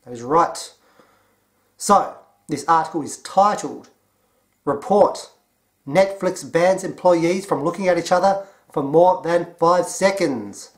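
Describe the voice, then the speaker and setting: A man with an Australian accent giving a mocking, deadpan commentary. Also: on the high side, slow, pauses often. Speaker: commentary vlogger. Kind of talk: sarcastic commentary.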